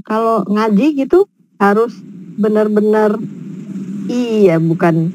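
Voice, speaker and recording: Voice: medium pitch, slow pace, background noise. Hesitant student asking the teacher. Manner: hesitant, many fillers while forming a question. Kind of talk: asking questions in class.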